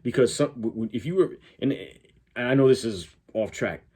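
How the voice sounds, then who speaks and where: He's a YouTube reaction host from Connecticut, United States, whose mid-range voice is animated, husky and darkish at a normal pace. Speaking with a southwestern Connecticut accent near to New York's, he rambles through casual, opinionated commentary and stammers as he corrects himself.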